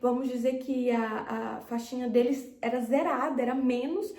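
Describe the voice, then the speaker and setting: Earnest Brazilian woman, high voice. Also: steady tone, moderate pace, darkish tone. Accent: Brazilian Portuguese. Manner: earnest, heartfelt storytelling. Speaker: faith vlogger. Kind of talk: personal faith testimony. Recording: roomy echo.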